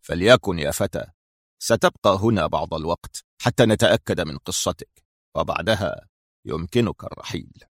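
A man's voice: low-pitched, expressive, moderate pace, no room sound, studio quality, voice pushed down. A man voicing a cold, stern male intelligence officer who speaks curtly, in a storybook reading. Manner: cold and curt.

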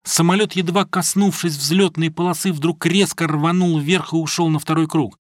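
A man narrating an audiobook in a steady, measured storytelling voice. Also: a little high, no echo, clean studio sound. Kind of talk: scripted narration.

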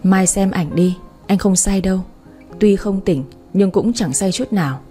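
A woman reading the part of a drunk young husband, speaking in a slow, drawn-out, whiny slur. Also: medium pitch, warm tone, faint music behind, natural voice. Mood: somber. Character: drunk young husband, slurring, clingy and tender.

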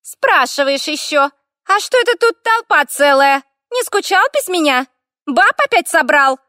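A woman voicing a tiny, jealous female fire elemental with a creaky, grating voice and screechy outbursts in an audiobook. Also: high voice, animated, unhurried, bright, forceful tone, dry recording, studio quality, pitched above the performer's own voice, heavily acted. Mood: indignant. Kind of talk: audiobook character voice.

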